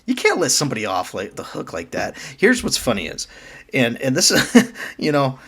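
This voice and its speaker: A man's voice: mid-range voice, huge pitch swings, normal speed, creaky, a bit bright, breathy edge. A man co-hosting a casual podcast, telling stories with dry, profane humor. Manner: storytelling with dry swearing humor. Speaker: podcast co-host. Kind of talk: casual chat.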